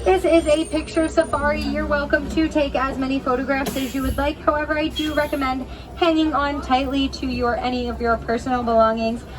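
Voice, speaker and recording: Female American safari guide, higher-pitched, emphatic tour announcer, heard from a distance over clear vehicle noise. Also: level tone, fairly quick. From Pennsylvania, United States. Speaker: safari ride guide and driver. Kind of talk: spoken tour commentary to passengers. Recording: distant, noisy recording aboard a rumbling truck.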